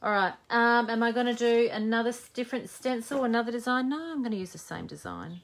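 A fast-talking woman with a fairly high pitch and big swings in intonation demonstrates a craft project live. The craft video host is in her forties and keeps up a chatty, jokey stream of thinking aloud as she works.

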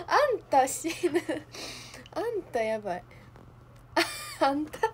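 A woman's voice: high-pitched, sing-song, moderate pace, darkish tone, a little hiss or hum. A young woman with a Kansai accent, hosting a livestream in casual chat, playful and giggly, thinking aloud. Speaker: idol livestream host.

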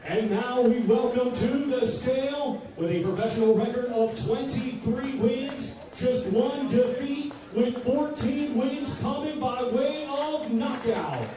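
A man working as a ring announcer at a boxing weigh-in. He draws out the fighters' names and shouts their hometowns. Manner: booming, drawn-out ring announcer calls. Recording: echoey venue from far off with crowd.

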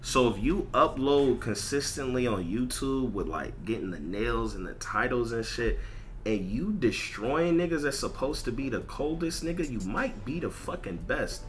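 Mid-range and fairly bright, this man's voice carries a casual livestream rant over his gameplay. He keeps it blunt and repetitive, hammering points with heavy slang and profanity.

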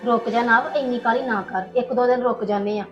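A woman's voice: a little high, fairly even intonation, a little fast, muffled recording, soft background music, natural voice. Woman playing a cautious, protective village housewife. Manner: cautious and advising. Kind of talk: village family drama acting.

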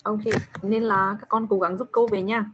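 A woman with a Vietnamese accent teaching English to a child in an online class, slowly repeating words for the child to copy. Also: mid-range voice, level tone. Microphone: video call. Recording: dull lo-fi call audio.

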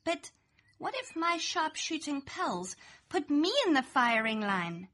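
Taking it slowly, a young adult storybook reader gives an expressive, playful read-aloud of a rhyming children's picture book. Her voice sits high, a bit bright, and sing-song.

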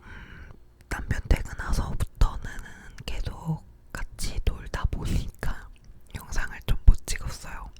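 A young woman leans right in to the mic and whispers an ASMR chat at home. Her delivery is very slow and soft, fully breathed with no voice behind it. It feels like an intimate ear-to-ear murmur about everyday life. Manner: leaning in close to whisper into the mic. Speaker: ASMR video creator. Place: living room at home. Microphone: close to the mouth, ear-to-ear.

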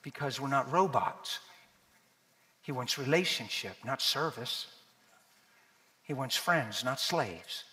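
A middle-aged man preaching a sermon in a church, animated, dropping to low asides and rising to shouted exclamations. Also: takes it slowly, long pauses. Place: church hall. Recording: long hall reverb.

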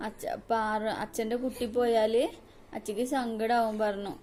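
A mother gently coaxing and questioning her crying toddler in a casual home video. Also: on the high side, level tone, normal speed. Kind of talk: casual home video talk to a small child.

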